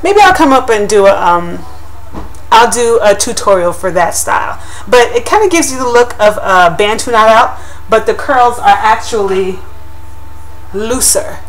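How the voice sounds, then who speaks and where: A woman's voice: fairly high pitch, lively intonation, a little slow, slight background noise, low-quality recording. Chatty woman vlogging from her kitchen. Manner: chatty, upbeat, with restarts. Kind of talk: casual product review vlog. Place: home kitchen indoors. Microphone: built-in webcam mic, close to the camera.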